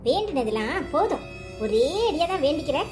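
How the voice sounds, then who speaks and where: Woman voicing a cartoon daughter, young adult, impatient, defensive, squeaky high voice. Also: big pitch swings, a little fast, a little mellow, faint music behind. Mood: irritated. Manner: snappy, defensive. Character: grown daughter, touchy and impatient. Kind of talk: cartoon story voice acting.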